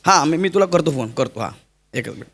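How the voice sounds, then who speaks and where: An actor playing a boastful, teasing young master of the house in a stage comedy sketch, joking all the time. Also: male voice, a little high, lively intonation, brisk. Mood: breezy. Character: blustering young master of the house, brags about his language. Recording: stage show with loud music behind.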